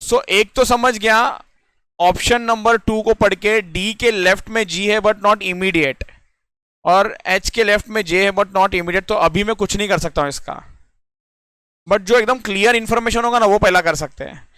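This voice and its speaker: A man's voice: high voice, unhurried, bright, forceful tone, clean tone, dry recording, studio quality. A young man teaching a puzzle lesson in Hindi mixed with English in an Indian accent, explaining step by step and often asking if students follow. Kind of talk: classroom lecture on reasoning puzzles.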